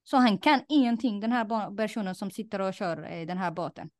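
Young Somali-born woman, non-native speaker, halting testimony, dry close mic. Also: mid-range voice, darkish tone, no echo. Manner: plain, halting retelling with many fillers and reenacted quotes. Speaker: guest. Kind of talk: personal testimony interview.

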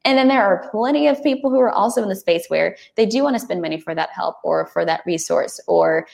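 A woman talking as a guest on a podcast in a lively, casual way, often laughing and restarting her sentences. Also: mid-range voice, a little fast, vocal fry.

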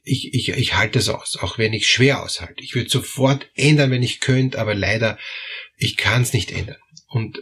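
A man's voice: mid-range voice, gravelly, husky. A man giving a spoken self-help monologue, hesitant, with many fillers and repeated words.

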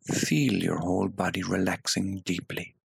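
A man leading a guided meditation in a soothing, hypnotic way, with long pauses between phrases. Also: deep voice, steady tone, gravelly, breathy edge, no echo.

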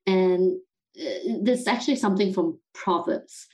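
A woman's voice: mid-range voice, normal speed, a little mellow, poor audio. A middle-aged woman from Singapore with a Singaporean-British accent, speaking thoughtfully as a guest in a podcast interview. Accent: Singaporean English with some British. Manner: thoughtful, self-reflective, laughs lightly. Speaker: guest, company founder.

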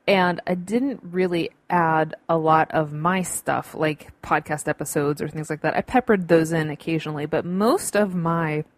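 Upbeat woman podcaster, lowish dry voice. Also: moderate pace, hardly any pauses, no echo. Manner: upbeat, chatty, emphatic, informal advice-giving. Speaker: podcast host. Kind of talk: casual solo podcast advice talk. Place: home room with windows open.

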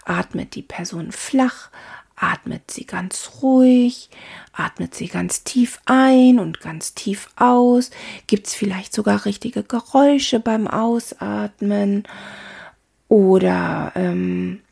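Slow, gravelly-voiced woman teaching calmly. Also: mid-range voice. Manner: calm, talks to the listener directly, many "ne?" tags and fillers. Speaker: body language coach. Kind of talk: spoken lesson on body language.

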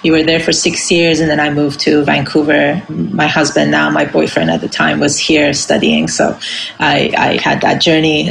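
A woman's voice: deep voice, vocal fry, roomy sound, a little hiss or hum, low-quality recording. A middle-aged woman from Iran, a guest artist telling her story in an interview, reflective and full of fillers. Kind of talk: conversational interview.

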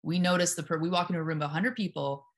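A hypnotherapist from Memphis in the US South, employed at a psych hospital, talks as a guest in a casual interview conversation. Her voice is low and steady with a touch of fry, and she delivers everything in a calm, deliberate way.

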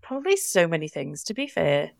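A woman's voice: low-pitched, huge pitch swings, fairly quick, vocal fry, a little mellow, dry recording. Welsh valleys woman chatting on a podcast, down to earth, informal, dry close sound. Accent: South Wales Valleys. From the Valleys, south Wales. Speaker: podcast co-host. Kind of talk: casual chat.

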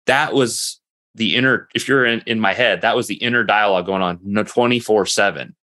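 A man hosting a conversational interview, talking in a reflective, energetic way and often rephrasing himself. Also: on the low side, fairly quick. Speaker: podcast host.

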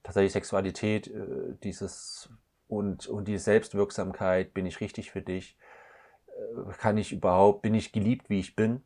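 A man with a lowish, mellow voice appears as a couples counselor guest in a reflective podcast conversation. His delivery is flat and unhurried, thoughtful and searching, with frequent hesitations.

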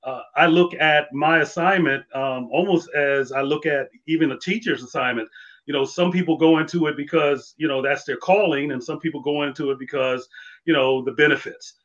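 A man's voice: a little high, moderate pace, fairly bright tone, dull audio. A man who used to be a police officer, talking casually and thoughtfully, with many fillers and restarts. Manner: reflective, full of fillers and restarts. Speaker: former police officer guest. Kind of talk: casual conversation.

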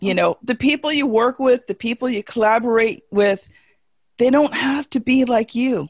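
A woman in her forties with a fairly high voice, talking on a video call in a casual panel chat. She speaks with folksy, emphatic conviction and pokes fun at herself. The sound is dry and close. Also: normal speed, no echo. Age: 40s. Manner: emphatic, folksy and self-deprecating.

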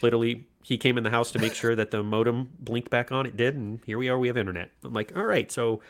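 A man's voice: mid-range voice, fast. A man, a podcast co-host telling a casual story and acting out the voices of the people in it. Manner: animated anecdote telling, acts out quoted voices.

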